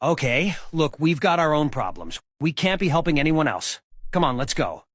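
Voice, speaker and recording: A man's voice: fairly high pitch, sing-song, normal speed, fairly bright tone, no room sound, clean studio sound. A man playing a greedy, contemptuous rich heir in a scripted drama, scornful and dismissive. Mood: exasperated.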